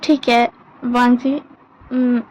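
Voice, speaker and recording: A woman voicing a gentle, easygoing young man who speaks calmly, as part of a storytelling narration. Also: on the high side, slow pace, a little hiss or hum, poor audio. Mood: mild.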